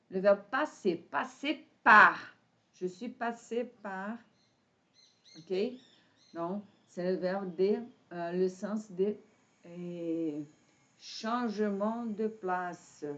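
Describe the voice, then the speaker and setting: Patient French teacher with Portuguese accent. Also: female voice, fairly low pitch. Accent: Brazilian Portuguese. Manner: slow, patient, with many pauses and fillers; switches to Portuguese to explain. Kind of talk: online French lesson. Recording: dull lo-fi sound.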